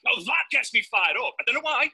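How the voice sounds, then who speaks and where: A man giving a high-energy, playful motivational talk on stage to a live audience. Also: expressive, fairly quick, bright, forceful tone, slight background noise, rough recording. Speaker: motivational speaker.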